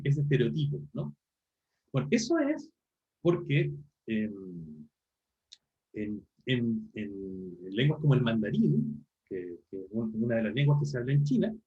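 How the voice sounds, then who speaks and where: A man's voice: medium pitch, mellow, dull audio. A man giving an online university linguistics lecture, explaining step by step with frequent tag questions and self-corrections.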